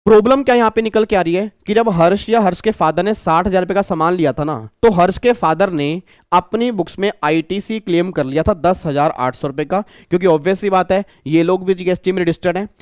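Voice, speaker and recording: A man teaching tax who explains points through a lively story and acts out the dialogue. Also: sits high, a little fast, hardly any pauses, no room sound, studio quality. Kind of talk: lecture with acted stories.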